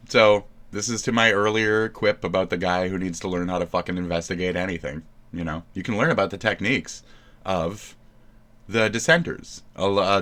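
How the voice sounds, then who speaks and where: A man streaming live, ranting in profane, mocking commentary that keeps jumping into loud shouts. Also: low-pitched.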